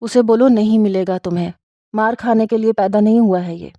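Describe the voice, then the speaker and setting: A woman's voice: medium pitch, steady tone, dry recording, muffled recording, lightly acted. A woman voicing an angry young husband. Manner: sharp, scolding outbursts. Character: angry protective young husband, quick-tempered. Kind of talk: storybook reading.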